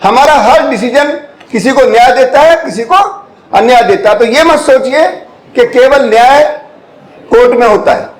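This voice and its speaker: A man's voice: extremely high pitch, a little slow. An older man from India giving a university lecture, who keeps asking the audience whether they follow and slips English phrases into his talk. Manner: keeps checking the audience follows, with rhetorical questions. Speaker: guest lecturer. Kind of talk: classroom lecture. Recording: echoey lecture hall.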